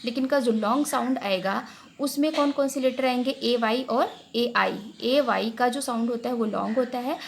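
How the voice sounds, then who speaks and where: A woman's voice: on the high side, a little fast, gravelly, slight background noise. A woman teaching a phonics lesson as a voice-over. She drags out the example words and keeps checking in with "theek hai". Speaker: English teacher.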